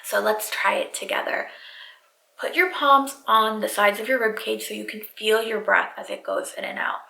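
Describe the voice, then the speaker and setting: A woman's voice: medium pitch, moderate pace, vocal fry, pushed and bright, roomy sound, rough recording. A woman yoga instructor giving step-by-step guided breathing cues straight to the viewer. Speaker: yoga instructor, channel host.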